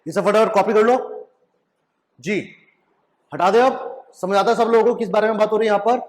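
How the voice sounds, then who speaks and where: A man's voice: sits high, fairly even intonation, fairly quick. A man. He keeps checking in with his students, asking questions and answering them himself, slipping into English phrases now and then. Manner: repeats questions back to students, frequent "right?". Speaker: chemistry teacher. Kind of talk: classroom lecture at a whiteboard.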